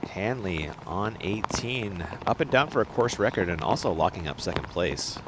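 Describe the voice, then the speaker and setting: A man's voice: fairly low pitch, expressive, normal speed. A man calling disc golf play-by-play like a golf commentator, in short clipped phrases over outdoor noise. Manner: clipped, telegraphic calls in golf commentator manner.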